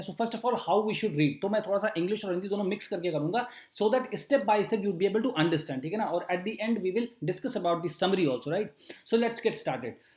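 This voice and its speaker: A man teaching an exam-prep lesson, reading English phrases slowly and then explaining them, often checking in with his students. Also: sits high, darkish tone, reverberant. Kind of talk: editorial reading lesson mixing Hindi and English.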